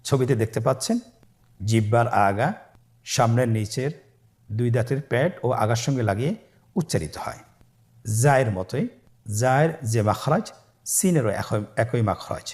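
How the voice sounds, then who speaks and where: A man's voice: medium pitch, normal speed, pauses often, darkish tone. A man with a Bangladeshi Bengali accent teaching beginners Quran recitation, patiently drilling and drawing out each letter.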